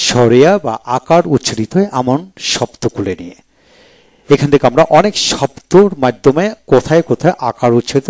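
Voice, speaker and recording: A male teacher giving a video lecture on English pronunciation, spelling out each word letter by letter and then saying it slowly several times. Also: mid-range voice, darkish tone, no echo.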